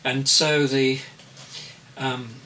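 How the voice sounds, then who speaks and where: An elderly artist in his eighties gives reflective interview answers, pausing often and choosing each word with care. His voice is bright, and he sits back from the microphone. A faint hiss runs underneath. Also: medium pitch, level tone. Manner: slow, deliberate, searching for words. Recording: distant mic with faint noise.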